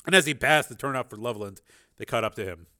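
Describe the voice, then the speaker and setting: A man's voice: medium pitch, fast, bright, forceful tone. A man reading an action novel aloud as a dramatic, intense narrator. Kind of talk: dramatic audiobook-style narration.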